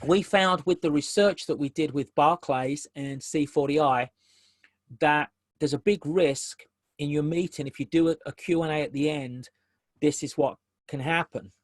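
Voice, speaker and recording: A man's voice: on the high side, moderate pace, dry recording. Man presenting a business webinar. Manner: conversational, repeats key phrases for emphasis.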